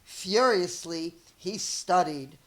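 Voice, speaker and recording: Reading a picture book to kids like a schoolteacher, a middle-aged elementary teacher speaks very slowly and deliberately in a slightly low voice. She's expressive throughout and drops in small chatty asides.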